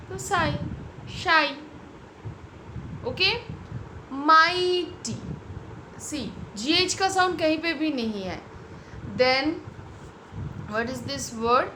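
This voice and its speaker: A high, bright-voiced woman with an Indian English accent teaches phonics to young children. She stretches each sound slowly and deliberately, moving between Hindi and English. A faint hum of room ambience sits behind her. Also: poor audio. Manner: slow, drawn-out sounding out of words, mixing Hindi and English. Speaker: kindergarten teacher.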